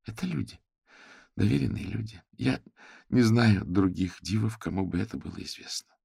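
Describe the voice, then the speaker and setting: A man's voice: on the low side, moderate pace, gravelly, warm tone, husky, no room sound, clean studio sound, voice pushed up, heavily acted. A man voicing a frightened, pleading female div spirit in an audiobook. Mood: defiant. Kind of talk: audiobook character voice.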